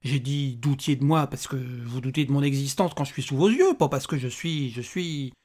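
A man's voice: mid-range voice, moderate pace, a little mellow, lightly acted. A man reading aloud and voicing a tiny, bald, bearded male imp who talks in an irritable, sarcastic rant. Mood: exasperated. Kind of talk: audiobook character voice.

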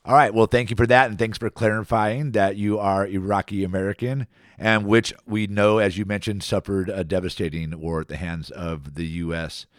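A man hosting a community radio interview, relaxed and conversational with frequent fillers. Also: fairly low pitch, moderate pace, no room sound, studio quality. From Antioch area, Contra Costa County. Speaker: radio show host.

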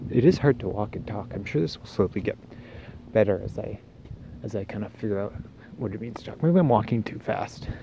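A man's voice: fairly low pitch, lively intonation, normal speed, vocal fry, long pauses. A man in a casual, hesitant, meandering walk-and-talk monologue, laid-back, with slightly muffled, swollen-cheeked speech after wisdom teeth removal. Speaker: solo podcast host. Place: outdoors walking on a residential street. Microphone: handheld phone. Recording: noisy outdoor phone recording, wind, passing cars.

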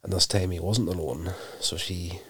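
A man casually recapping a TV episode, telling it in an unhurried, self-correcting way. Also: deep voice, steady tone, a bit bright, slightly rough, dry recording.

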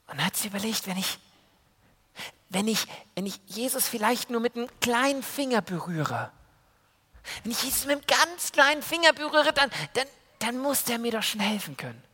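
A preacher telling a Bible story to children in a lively way, going from loud to hushed. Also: male voice, extremely high pitch, normal speed, big-room sound. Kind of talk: sermon told as a children's story. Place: church.

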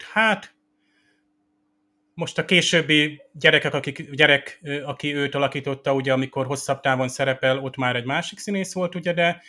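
A man hosting a podcast, giving solo commentary on a TV episode and pausing often on filler sounds. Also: mid-range voice, bright, forceful tone. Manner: hesitant, many filler sounds. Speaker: podcast host.

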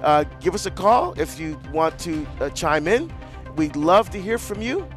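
A man's voice: high voice, big pitch swings, unhurried, faint music behind. Earnest Barbados-born man hosting radio. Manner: earnest, warm storytelling with frequent restarts. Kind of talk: live call-in radio talk.

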